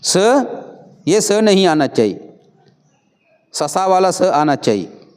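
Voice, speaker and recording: A man's voice: a little high, sing-song, slow pace, a little mellow. A man, a Buddhist monk, giving a Pali pronunciation lesson and patiently repeating and correcting each word.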